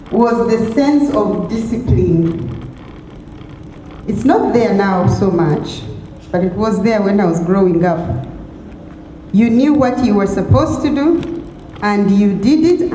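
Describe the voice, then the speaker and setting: A woman's voice: mid-range voice, dark tone, far from the mic, slight background noise. Ugandan woman in an echoey hall. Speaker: interviewee sharing experiences. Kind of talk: reflective personal talk.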